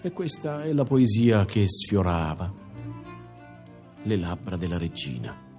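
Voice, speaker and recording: A man performing a theatrical monologue, telling the story expressively, moving from hushed to emphatic and speaking directly to the audience. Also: low-pitched, animated, measured pace, soft background music. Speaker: stage performer. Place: theatre stage.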